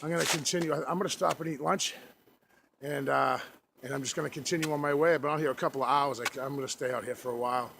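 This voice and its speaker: A man talking casually to his vlog viewers, halting and rambling as he trudges through snow outdoors. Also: medium pitch, fairly even intonation, creaky, a bit bright. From New England, United States. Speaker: outdoor vlogger. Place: outdoors on a snowy forest trail. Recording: noisy outdoor audio with clicks.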